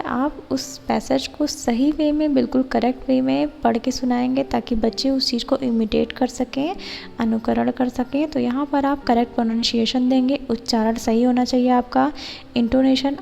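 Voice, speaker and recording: A woman with an Indian accent explaining a lesson plan as a tutor, reading English lines out slowly. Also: a little high, gravelly, mellow, big-room sound, a little hiss or hum, low-quality recording. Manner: explanatory, slow read-outs of English lines. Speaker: teacher-training tutor.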